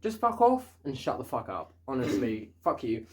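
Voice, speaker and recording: A man's voice: mid-range voice, sing-song, normal speed, slight background noise. A young man in casual storytime chat, ranting in an exasperated, sweary way.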